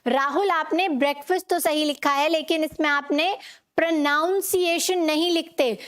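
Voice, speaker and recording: A woman's voice: high-pitched, steady tone, moderate pace. A young woman teaching an online spoken-English class, drilling words again and again and checking in with students. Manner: repetitive drilling, frequent "ठीक है" check-ins; reads student comments aloud and answers them.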